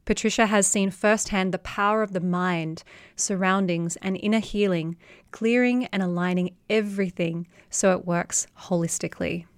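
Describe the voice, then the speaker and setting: A woman's voice: medium pitch, moderate pace, clean tone, no echo. A woman hosting an interview, introducing her guest with polished, gushing welcomes. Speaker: interviewer host.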